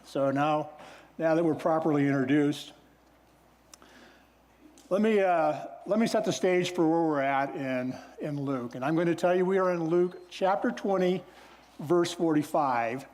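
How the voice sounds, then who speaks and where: A man preaching a sermon as pastor, in a relaxed, conversational storytelling way. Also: fairly high pitch, unhurried. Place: church sanctuary. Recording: long church hall reverb.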